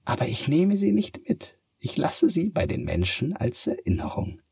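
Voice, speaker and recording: A sly, teasing cat from the moon purrs its lines high and slow, as a man reads it out. The storybook voice is husky and dry. It stays calm and kind. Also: no room sound, exaggerated voice. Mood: gentle. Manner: purring, drawn-out teasing delivery.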